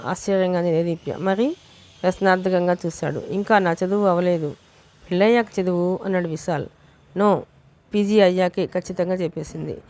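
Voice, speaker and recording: A woman's voice: lowish voice, darkish tone. A woman narrating a romance novel audiobook with a Telugu accent, reading steadily and voicing each character's dialogue herself.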